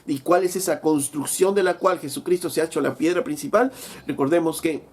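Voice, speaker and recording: A man delivers a sermon in a fairly high voice. He tells the story with animation, asks rhetorical questions and acts out the dialogue of the text. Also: a little fast, slight background noise. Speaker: preacher.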